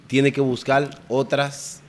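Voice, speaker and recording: A man's voice: medium pitch, flat delivery, slow. A man, a guest artist, explaining at length with emphasis in a casual podcast chat.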